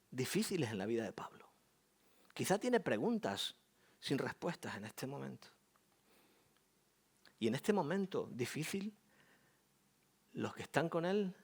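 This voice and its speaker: A middle-aged man with a Spanish accent from Spain preaching a sermon as pastor, animated and joking in a conversational way. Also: mid-range voice, slightly rough.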